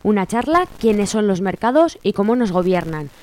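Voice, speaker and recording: This radio host, a woman with a Spanish accent, goes through event announcements informally as music plays in the background. Her medium-pitched, slightly mellow voice swings widely in pitch at a moderate pace.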